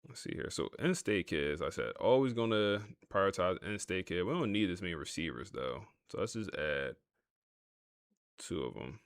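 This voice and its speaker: A man with a low voice and lively intonation hosts a gaming livestream, chatting casually with viewers at a moderate pace while he plays. His laid-back, talkative commentary is captured in clean studio sound with no room echo.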